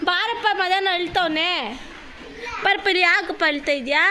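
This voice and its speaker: A woman's voice: extremely high pitch, normal speed. A young woman in a casual family vlog, coaxing and soothing crying children and repeating herself again and again. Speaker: vlogger and aunt calming children. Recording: loud background noise outdoors.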